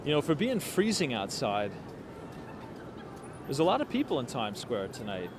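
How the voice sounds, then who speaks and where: Chatting to viewers as he walks cold night-time city streets, a livestreaming man in his late twenties has a mid-range voice with wildly swooping pitch at normal speed. He's chatty, thinking aloud with fillers and asides, with street noise in the background.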